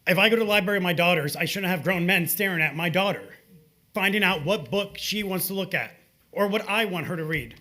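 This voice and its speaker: High-pitched, forceful man making public comment. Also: brisk. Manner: confrontational, emphatic, repeats points for stress. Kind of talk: impromptu public speech.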